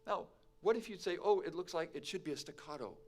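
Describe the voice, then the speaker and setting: A man leads a piano masterclass in a chatty style, firing questions at his students, with piano playing between his remarks. He talks fast in a slightly high, animated voice, with slight background noise in the recording.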